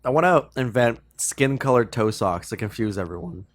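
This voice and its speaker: A co-host of a gaming stream making wry, deadpan jokes in casual commentary. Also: mid-range voice, moderate pace.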